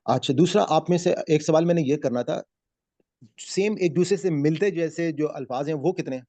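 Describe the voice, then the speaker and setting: A man teaching a Quran recitation class over a video call, explaining slowly and calling on students by name. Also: on the high side, mellow, no room sound. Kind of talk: online class teaching, mixing Urdu and English.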